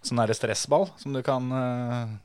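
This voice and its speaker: A man's voice: medium pitch, steady tone, a little mellow, smooth, no echo, clean studio sound. A man hosting a podcast, leading the talk with easygoing questions. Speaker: podcast host. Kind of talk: casual podcast chat.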